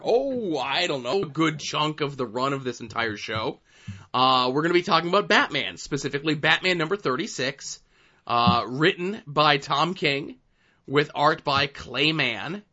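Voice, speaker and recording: A man's voice: on the high side, measured pace, pushed and bright, lo-fi sound. A man co-hosting a comic book podcast, chatting casually and enthusiastically with a lot of fillers. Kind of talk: casual chat reviewing comics.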